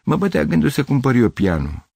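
A man's voice: medium pitch, sing-song, gravelly, a little mellow, breathy edge, no echo, clean studio sound, voice pushed up, heavily acted. An older man voicing a plain-spoken tavern keeper telling what he knows. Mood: matter-of-fact.

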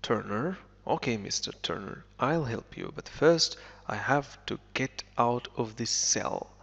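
A man's voice: mid-range voice, vocal fry, full character voice. Man reading as a sly jailed pirate captain. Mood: wry. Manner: slow, even read-aloud delivery. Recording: lo-fi with long reverb.

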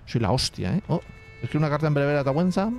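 A man's voice: a little high, expressive, racing, gravelly, a little mellow, a little hiss or hum. Chatty man. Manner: chatty, swears freely, reads game text aloud. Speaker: gaming youtuber. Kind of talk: casual let's play commentary.

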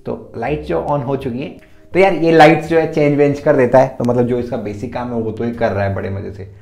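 A man giving a chatty, casual tech product review in a room lit by softbox lights, freely mixing Hindi and English, speaking into his own mic. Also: mid-range voice, a little fast, vocal fry, faint music behind. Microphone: his own mic set up. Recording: roomy echo.

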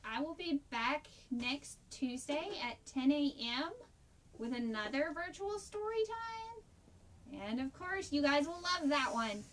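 A woman's voice: sits high, a bit bright, recorded from a distance, a little hiss or hum. A woman librarian reading a picture book aloud and talking directly to children at a virtual story time. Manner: friendly, talks to children directly.

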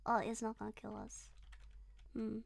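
A young woman with a fairly high, gravelly voice and a moderate pace streams a horror game as a virtual streamer, speaking English with a non-native accent because it isn't her first language. She gives live commentary, reads chat and talks with viewers, shrieking and giggling when startled, with game music behind her.

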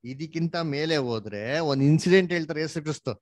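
A man leading a Bible study with a somewhat high voice, recorded close and dry with no room sound. He keeps asking his listener questions and prompting her for answers. He mixes English words into his teaching. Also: fast talker, a little mellow, no echo. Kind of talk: interactive Bible study lesson.

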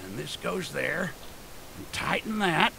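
An actor playing a creepy, obsessive, lovesick male loner in a video game, slow and unhinged, muttering to himself. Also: lively intonation, heavily acted. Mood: creepy eager. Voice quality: high, gravelly, drawling. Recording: noisy game audio capture.

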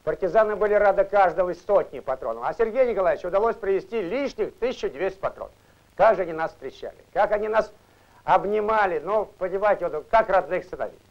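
High-voiced man reminiscing, muffled archival sound. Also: expressive, fast talker. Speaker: veteran glider pilot. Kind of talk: recounting war memories.

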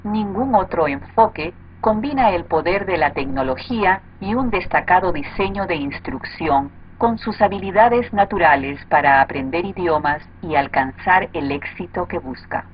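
Woman narrating a promo in lo-fi audio. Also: on the low side. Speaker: voice-over narrator. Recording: dull lo-fi audio with faint noise.

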